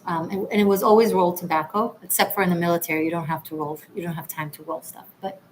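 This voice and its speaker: A woman from Israel, a tarot reader, hosts a casual livestream, chatting loosely and answering viewer comments. She talks fast in a fairly low voice, relaxed and chatty, with frequent restarts and soft trailing asides. The recording is low quality with slight background noise.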